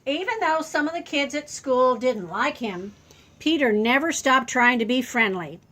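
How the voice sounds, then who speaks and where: An older woman reads a children's story aloud like a grandmotherly storyteller, her voice high and her speed normal. She adds simple, expressive asides to explain things to a small child.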